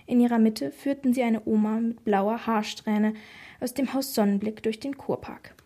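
A woman narrating a children's audiobook in a lively, expressive way, with a breathy voice. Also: on the high side.

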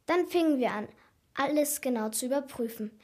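Woman storyteller, high voice, animated, dramatic, storybook narration. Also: brisk. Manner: animated, dramatic first-person telling.

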